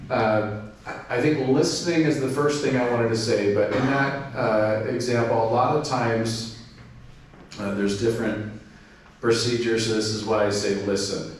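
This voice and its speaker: In a club meeting room, a man gives an informal presentation, explaining steps and spelling call signs in radio phonetics, using frequent fillers. His mid-range voice is steady and unhurried. The room is very echoey, the mic distant, with faint noise.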